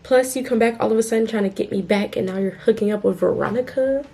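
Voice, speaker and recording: A woman's voice: fairly high pitch, fast, dark tone. A young woman voicing a hurt, defiant teenage heroine in a plain read-aloud of her story. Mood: upset.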